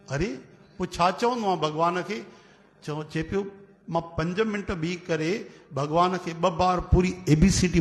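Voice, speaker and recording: A man with a somewhat high voice tells devotional stories to a gathering. He is animated and acts out the people in his tales, and his voice rings with a long hall reverb. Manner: animated, acts out quoted voices, calls out chants. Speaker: religious storyteller. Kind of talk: devotional sermon storytelling.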